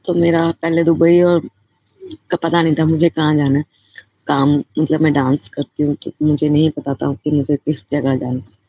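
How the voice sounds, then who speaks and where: A woman's voice: low-pitched, little pitch movement, moderate pace, warm tone, husky. A woman giving a personal devotional testimony, speaking in a heartfelt, repetitive and fervently grateful way. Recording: slightly muffled lo-fi recording.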